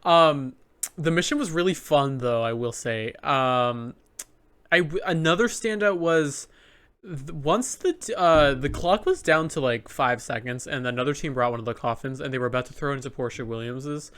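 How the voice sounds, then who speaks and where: Lively, chatty podcast man. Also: medium pitch, normal speed, clear, resonant tone. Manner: chatty, laughs often, uses lots of fillers. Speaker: podcast co-host. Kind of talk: casual chat recapping a reality show.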